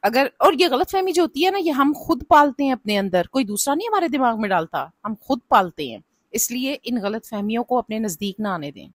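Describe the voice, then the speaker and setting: A woman narrates her family vlog in a fairly high voice. She sounds chatty and gives advice. The recording is dry and close. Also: expressive, a little fast, no room sound. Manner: chatty and advice-giving, with frequent "na" and "janab". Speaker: family vlogger.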